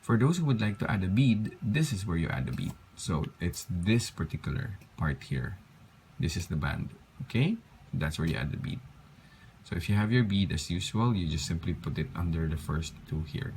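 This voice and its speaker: A man's voice: low-pitched, sing-song, moderate pace, a little mellow, a little hiss or hum. A tired man teaching a bracelet-making tutorial step by step, counting loops aloud and apologizing for his slips. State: tired, yawning. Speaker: craft tutorial host.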